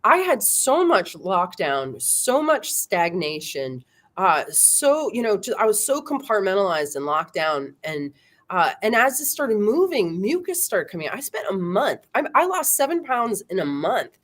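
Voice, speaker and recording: A middle-aged woman talks as an interview guest in a loose, animated way. Her pitch swings widely as she goes, and she laughs often, tossing in "you know" and "right?" between her points. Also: unhurried. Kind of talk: casual conversational interview.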